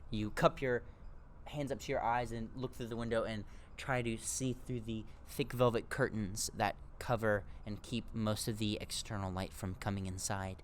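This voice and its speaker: A man's voice: on the low side, fairly even intonation, moderate pace, a little hiss or hum. A man narrating a tabletop game as game master, descriptive and paced with frequent fillers.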